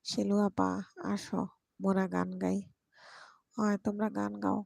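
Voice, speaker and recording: A woman's voice: mid-range voice, flat delivery, a little slow, vocal fry, a little mellow, no echo. A woman hosting a casual live stream from home at night, chatting with viewers, greeting and teasing them by name into her microphone. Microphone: microphone, speaking softly at times.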